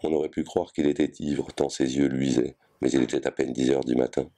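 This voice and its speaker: A man reading a novel aloud at a steady, measured pace. His voice is extremely deep and dark. The reading stays even from line to line. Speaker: reader.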